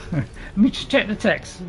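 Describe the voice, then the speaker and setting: A man hosting a gaming channel, chatting and rambling through casual gameplay commentary, now and then bursting into loud excited shouts. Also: high voice, slow pace, faint music behind.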